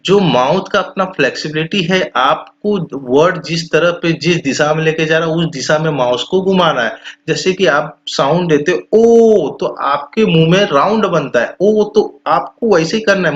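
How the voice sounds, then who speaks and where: A male teacher with a slightly raised voice explains pronunciation rules, saying each example word slowly and drawing its vowel out. The recording sounds a little dull and lo-fi. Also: a little high. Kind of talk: explanatory lesson.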